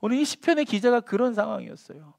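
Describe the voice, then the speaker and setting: A man with a notably high voice preaches a sermon as a pastor. He shifts between soft, near-whispered lines and loud, forceful emphasis. He also voices quoted taunts in a sneering tone. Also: fast talker, vocal fry.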